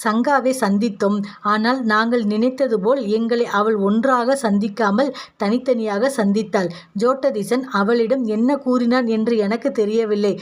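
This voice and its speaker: A woman's voice: a little high, fairly even intonation, moderate pace, close to an everyday voice. A woman voicing a grieving young male monk in a story reading. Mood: subdued. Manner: sorrowful, defeated.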